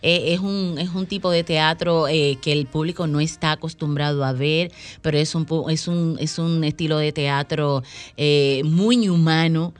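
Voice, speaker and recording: A woman's voice: deep voice, steady tone, a little slow. A woman guest on a radio interview, speaking earnestly and acting out the voices of the people in her stories. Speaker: guest promoting a stage play.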